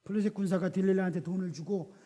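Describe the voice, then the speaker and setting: A male pastor preaching a lively sermon in a church, asking the congregation questions and acting out the people he quotes. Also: high voice, fast. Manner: animated, asks the congregation rhetorical questions; acts out quoted voices within the sermon.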